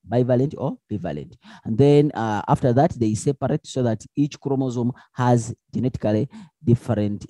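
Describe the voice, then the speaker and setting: A man gives an explanatory lesson, posing questions and then answering them himself in a lively way full of restarts and fillers. His voice is mid-range, and the recording has no room sound.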